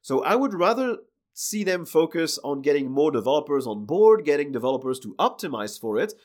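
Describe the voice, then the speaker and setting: A man with a French accent hosting a solo tech news podcast, his voice hoarse and cracked from being sick, chatty and loose with many fillers. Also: fairly high pitch, big pitch swings, brisk, a little mellow. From France. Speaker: podcast host.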